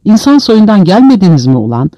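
A man voicing a brutal male prison commander who shouts insults at inmates. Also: a little high, sing-song, a little fast, no room sound, highs cut off. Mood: furious.

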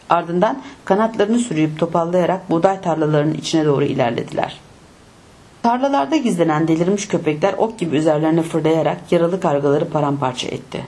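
A woman reading a novel aloud in a steady, measured audiobook narration. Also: sits low.

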